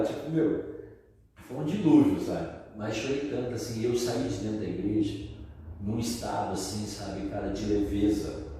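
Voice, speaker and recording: A man's voice: fairly low pitch, dark tone, a little hiss or hum. A man with a Brazilian Portuguese accent telling his personal testimony in a casual, slangy way, full of fillers. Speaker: testimony speaker. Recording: echoey hall from far off.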